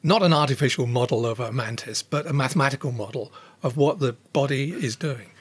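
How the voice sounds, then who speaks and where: Husky male scientist explaining research. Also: mid-range voice, brisk, dry recording. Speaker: scientist being interviewed. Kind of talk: measured expert explanation.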